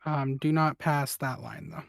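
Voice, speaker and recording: A man's voice: mid-range voice, fairly even intonation, a little slow, vocal fry, no room sound, studio quality. A man running a tabletop role-playing game as game master, giving players instructions and rulings.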